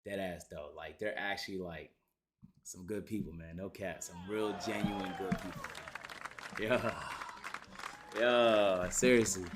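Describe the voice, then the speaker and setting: A man's voice: low-pitched, fairly even intonation, a little slow, crowd noise, noisy background. A man giving a casual reaction in loose street slang with some swearing, as a streamer does.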